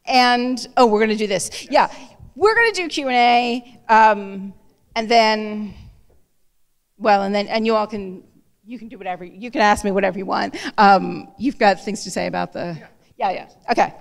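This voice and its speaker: A woman author speaking to a library audience, quick and chatty with many fillers and restarts. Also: medium pitch, gravelly. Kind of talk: public talk to an audience. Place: event room before an audience. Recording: reverberant hall.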